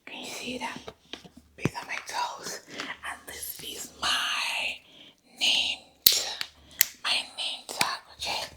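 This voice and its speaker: A woman's voice: slow, pauses often, lightly acted. A woman voicing a dubious, boastful female doctor in a whispered ASMR roleplay, insisting in a sing-song way that she is a real doctor.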